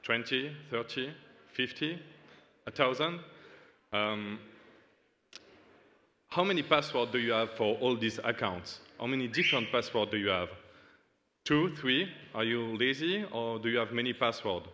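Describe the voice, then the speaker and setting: On stage in a large, dark hall, a Swiss startup founder demos his product into a lectern mic, halting and earnest, with many fillers. His mid-range voice has a sharp tone, and long hall reverb trails each word.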